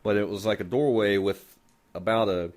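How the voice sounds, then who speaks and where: A man's voice: fairly low pitch, moderate pace, darkish tone. A man hosting a podcast, telling a long story in a loose, joking way with a lot of swearing. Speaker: podcast host. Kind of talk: casual storytelling.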